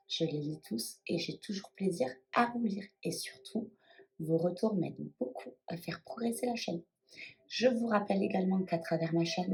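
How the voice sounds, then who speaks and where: A woman giving a tarot card reading, speaking softly and slowly with frequent hesitations. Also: on the low side, low-quality recording. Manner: soft, unhurried, many hesitations.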